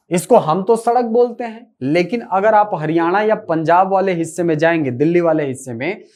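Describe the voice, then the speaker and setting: A man teaching a live online class, repeating key phrases and asking and answering his own questions, with casual asides to students. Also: high voice.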